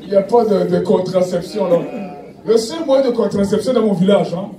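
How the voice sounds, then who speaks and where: A man does stand-up, teasing and chatting directly with the crowd. His voice sits high yet sounds very dark and mellow. The mic is distant, so his voice carries a roomy echo. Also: a little fast. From Africa. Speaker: stand-up comedian. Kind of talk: stand-up comedy routine. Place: comedy stage.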